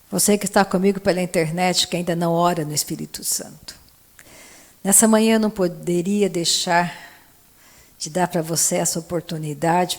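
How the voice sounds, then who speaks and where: A woman's voice: lowish voice, vocal fry, slightly rough. A woman pastor with a Brazilian Portuguese accent, preaching and leading fervent prayer that the congregation repeats. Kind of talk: sermon and prayer. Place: church hall. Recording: long hall reverb.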